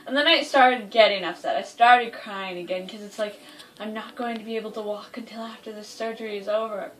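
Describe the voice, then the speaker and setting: A woman's voice: medium pitch, steady tone, a little fast, fairly bright tone, distant mic, rough recording. A young woman in her late teens telling a personal story in casual chat, full of "like" fillers and laughing between lines. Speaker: interviewee.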